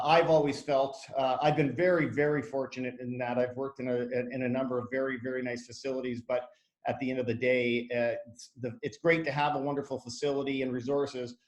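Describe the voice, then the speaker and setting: A man's voice: mid-range voice, a little mellow, echoey room. A man in his fifties, a school head giving an online information session in an earnest, conversational way, with many fillers and restarts. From Canada.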